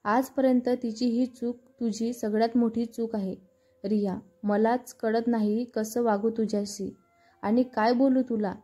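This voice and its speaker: A woman's voice: on the high side, steady tone, unhurried, mellow, slightly rough, faint music behind. A woman voicing a stern, protective elder sister who scolds and lectures her younger sister. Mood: angry.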